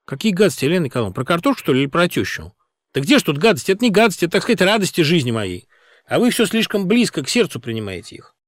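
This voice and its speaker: A man's voice: fairly high pitch, big pitch swings, rapid-fire, no echo, clean studio sound, pitched above the performer's own voice. A man voicing a young male chauffeur who cheerfully needles his boss with feigned innocence. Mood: teasing. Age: young adult.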